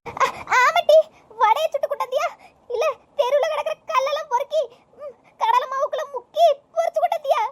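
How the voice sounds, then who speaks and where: A grumpy old mother-in-law from a cartoon, croaky and drawn-out in her grumbling, voiced by the same performer who plays the others. The voice sits very high and sounds bright and sped up. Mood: outraged. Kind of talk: cartoon voice acting.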